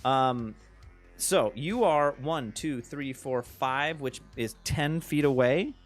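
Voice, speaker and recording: A man's voice: mid-range voice, slow, soft background music. A man running a tabletop role-playing game as game master, calling turns and rolls. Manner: animated, calls out turns and counts squares.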